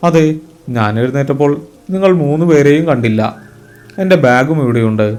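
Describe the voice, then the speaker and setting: A man's voice: mid-range voice, lively intonation, moderate pace, darkish tone, lightly acted. A man voicing a young male college friend who asks questions in a raised voice over a phone call. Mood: puzzled.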